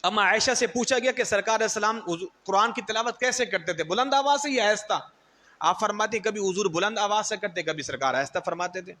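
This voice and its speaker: High bright-voiced male preacher in a hall. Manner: storytelling, acts out quotes and mocks others' styles. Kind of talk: Urdu sermon.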